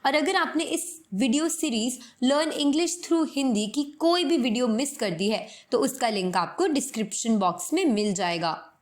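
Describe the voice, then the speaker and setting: A young woman with an Indian accent giving an English lesson in Hindi, explaining slowly and demonstrating phrases. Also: high-pitched, expressive. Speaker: English teacher.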